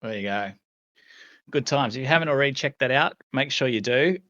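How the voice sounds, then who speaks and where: A man's voice: medium pitch, animated, a little fast, pushed and bright, no echo, highs cut off. An Australian man hosting a casual community chat, laid-back and full of fillers. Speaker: community host.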